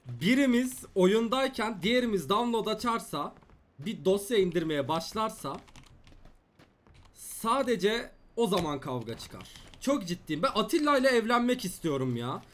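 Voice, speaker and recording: A young man chats casually over his gameplay, joking and teasing his viewers. His voice sits high and swings up and down. Keyboard typing clicks away behind him. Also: big pitch swings, normal speed. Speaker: gaming streamer.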